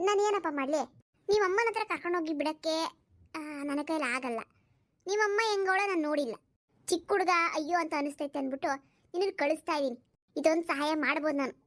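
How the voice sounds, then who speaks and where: A woman's voice: high voice, quick pace, long pauses, lightly acted. A woman voicing a young village stepmother who insists she means no harm. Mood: brusque. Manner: defensive, pleading her innocence. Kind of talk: cartoon voice acting.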